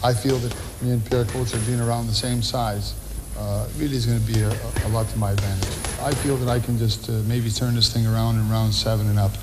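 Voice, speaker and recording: Low-voiced, fast-talking Canadian man. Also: fairly even intonation, over loud music. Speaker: boxer being interviewed. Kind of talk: casual pre-fight interview. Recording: clear background noise.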